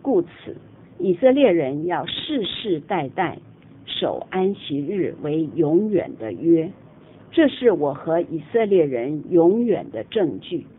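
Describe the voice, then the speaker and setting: A woman reading a Bible chapter aloud in a measured, solemn way. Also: breathy edge. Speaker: scripture reader. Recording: tinny phone-like audio with faint rumble.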